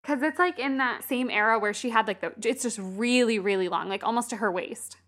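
A woman co-hosting a casual movie discussion podcast, conversational and quick to agree. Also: a little high, fairly bright tone. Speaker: podcast co-host.

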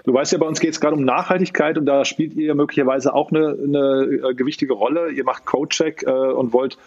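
A man's voice: fairly even intonation, a little mellow, husky. Man on a tinny, lo-fi backup recording. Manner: fast, friendly questioning with fillers. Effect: tinny low-quality backup recording, as if in a tin can. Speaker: podcast host. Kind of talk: casual podcast interview. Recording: dull lo-fi tinny sound.

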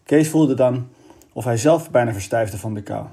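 Mellow-voiced man reading a storybook. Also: medium pitch, normal speed, gravelly. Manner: steady, expressive storytelling. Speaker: audiobook reader. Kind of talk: reading a children's novel aloud.

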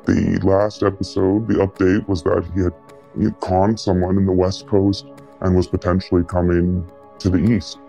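A man's voice: flat delivery, measured pace, creaky, mellow, faint music behind. A man recounting what he saw in an interview, his voice altered to disguise his identity. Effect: voice altered and pitched down to hide his identity. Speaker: listener giving a tip. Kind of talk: recalled interview recollection.

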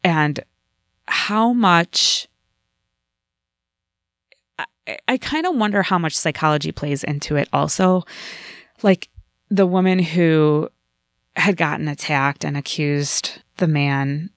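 A woman in casual podcast chat, telling a story in an animated way and acting out the lines of the people in it. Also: deep voice, slow, long pauses, dry recording, studio quality. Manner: animated storytelling with voiced quotes.

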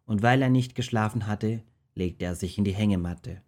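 A man tells a Bible story in rhymed verse. His reading is steady and rhythmic, in a lowish, mellow voice. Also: normal speed.

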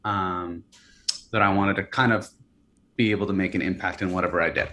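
A brisk, low-voiced man in his early thirties runs his own company and hails from California and Hawaii. In a laid-back interview he hesitates often, breaking off to restart and filling gaps with filler words.

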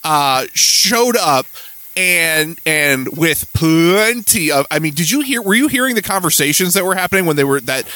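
A man's voice: on the high side, animated, moderate pace, bright, forceful tone, no echo. A man co-hosting a podcast, talking politics in an emphatic, sarcastic way. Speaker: podcast co-host. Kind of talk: casual political chat.

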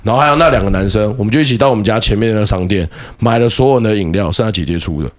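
A man telling a childhood story as a podcast guest, animated, with quick repeated words and restarts. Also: lowish voice. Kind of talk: casual storytelling chat.

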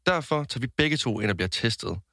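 Young male podcast co-host, mid-pitched, halting storyteller full of fillers, dry close sound. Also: animated, bright, forceful tone, no room sound. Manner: narrates slowly with many hesitant fillers. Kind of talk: casual podcast chat.

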